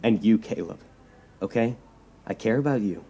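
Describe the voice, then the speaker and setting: Here the actor playing a persuasive, self-righteous young superhero leader pleads in a low, dark voice with a breathy edge, at normal speed. He's earnest and insistent, repeating words to drive his point home in this audio drama.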